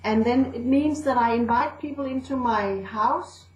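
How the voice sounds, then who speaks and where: This storyteller and educator from Denmark has a Danish accent and a somewhat high voice with a darkish tone, speaking at a measured pace. The interview is casual, with fillers and restarts, and the sound is roomy and poor.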